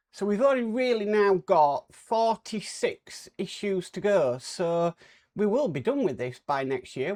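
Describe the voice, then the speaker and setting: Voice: mid-range voice, a little mellow. A person hosting a casual hands-on model-building video, talking with a cold sore on the lip. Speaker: host of a model-building channel.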